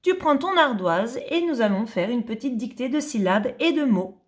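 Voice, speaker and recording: A woman teaching young children to read in French, spelling out syllables slowly and distinctly, patient and repeating each sound. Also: on the high side, expressive. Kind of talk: slow reading lesson for young children.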